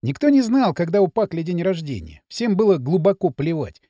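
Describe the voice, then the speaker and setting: Expressive high-voiced male audiobook narrator. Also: brisk, no echo, studio quality. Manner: expressive, storytelling delivery.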